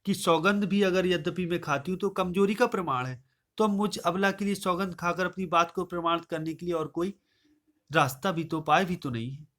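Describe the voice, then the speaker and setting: A male teacher explaining a poem line by line, reciting each verse louder and then paraphrasing it in plain words. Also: high voice, normal speed. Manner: repeats and rephrases words to explain them.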